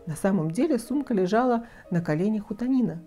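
Warm expressive woman storyteller. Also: mid-range voice, fast. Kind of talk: children's fairy tale reading.

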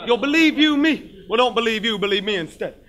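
A man delivers a battle rap verse in a high, piercing register. His tone is bright and edgy, and his rhymed insults come out brash and rapid-fire. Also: animated. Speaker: battle rapper. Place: live battle venue.

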